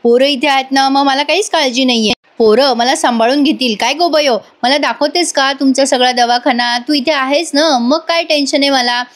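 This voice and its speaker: A woman's voice: high voice, moderate pace, few pauses, close to an everyday voice. A woman voicing a sly middle-aged uncle who talks in a falsely friendly, ingratiating way.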